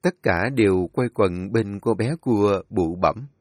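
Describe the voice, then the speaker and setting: A man narrating an emotional family story in a slow, expressive storytelling manner. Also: lowish voice, dry recording.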